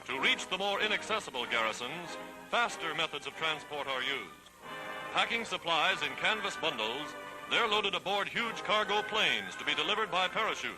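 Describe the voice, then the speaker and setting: A man's voice: fairly high pitch, lively intonation, normal speed, rough recording. A man narrating a 1940s newsreel in a dramatic, declamatory, scripted style. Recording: vintage 1940s newsreel soundtrack, loud music. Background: loud music.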